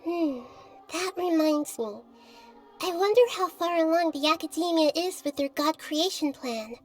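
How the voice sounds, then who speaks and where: Nahida, soft wise girl goddess. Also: very high voice, faint music behind. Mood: thoughtful. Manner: soft, thoughtful, measured. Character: young girl goddess, gentle, wise and calm.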